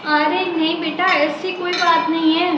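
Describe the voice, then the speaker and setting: A woman playing a gentle, fair-minded older mother who talks softly and reasons calmly, in a home-made family drama skit recorded in a roomy room. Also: extremely high pitch, a little slow, noisy background. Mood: soothing. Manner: soft, patient, calmly reasoning. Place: indoors at home. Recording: roomy, dull lo-fi sound.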